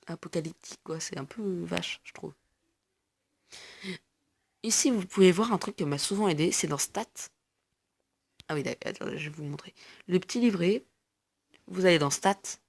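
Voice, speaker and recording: A woman's voice: fairly low pitch, gravelly. A woman giving casual gameplay commentary, chatty and explaining things to viewers with lots of fillers. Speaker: gaming video host.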